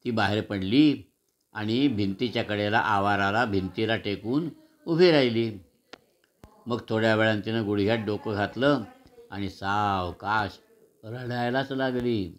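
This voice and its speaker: Low-voiced man reading a children's story. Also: unhurried.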